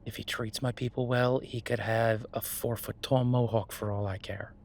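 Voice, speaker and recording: A man speaks as Beau, the easygoing chef, reassuring his werewolf partner in a mid-range, steady, somewhat dark voice close to everyday speech. At a moderate pace he sounds conversational, hesitant, wry and amused. Behind him are slight background noise and ambient sound effects in this naturalistic audio roleplay.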